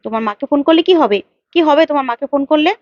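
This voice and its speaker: A woman's voice: high voice, lively intonation, very fast, no echo. A woman voicing an angry young husband who confronts his wife with heated, insistent accusations. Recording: dull lo-fi, dry.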